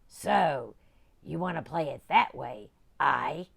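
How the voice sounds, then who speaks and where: A woman doing a gravelly, bossy pirate captain who barks orders at his crew and blusters when cornered. His voice rolls through lively swings of pitch, unhurried and loud. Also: full character voice. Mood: gruff. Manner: growly pirate talk, bluffing and blustering.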